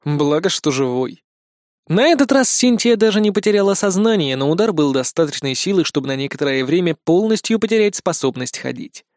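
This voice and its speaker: A man narrating an audiobook in a lively, expressive way. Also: on the high side, fairly quick, no room sound, clean studio sound. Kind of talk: scripted narration.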